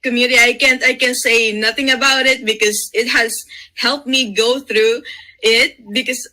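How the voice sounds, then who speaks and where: A very bright, somewhat high-pitched woman's voice with a Visayan Filipino accent, native in Bisaya. She tells her own story informally, in halting phrases broken up by hesitations. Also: fairly even intonation. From Davao City, Philippines. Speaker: guest sharing a testimonial. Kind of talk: informal personal testimonial. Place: video call.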